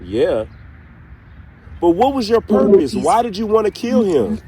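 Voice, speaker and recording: A man hosting a paranormal session, speaking deliberately with pauses as he puts direct questions to an unseen spirit. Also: high voice, very animated, mellow, a little hiss or hum. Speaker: paranormal investigator, host. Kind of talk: slow spoken questioning in a spirit box session.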